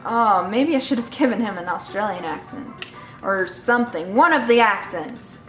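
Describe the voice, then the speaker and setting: A woman's voice: medium pitch, animated, moderate pace, reverberant, soft background music, low-quality recording. Giggly woman doing game commentary. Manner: giggly, apologetic, rambling. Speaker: gaming channel host. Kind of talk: let's play commentary.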